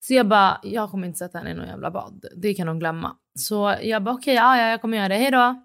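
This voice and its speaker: A woman's voice: medium pitch, gravelly. A woman in her thirties co-hosting a podcast, telling a story in casual chat, acting out what others said and swearing freely. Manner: animated retelling, acts out dialogue, swears casually. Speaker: podcast co-host.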